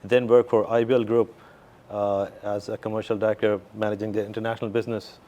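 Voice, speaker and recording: A middle-aged Pakistani-accented man speaks as a company CEO being interviewed, answering in a conversational way. His voice sits lowish and level, with a quick, warm delivery, though the recording cuts off the highs. He is from Pakistan and the Middle East, mainly Saudi Arabia.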